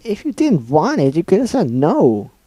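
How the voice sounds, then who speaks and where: Guy doing a creepy chirpy girl pony voice, high-pitched and nagging. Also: wildly swooping pitch, moderate pace, dry recording. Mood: pouting. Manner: shrill scolding, getting louder. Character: cheerful-turned-sadistic female cartoon pony, scolding.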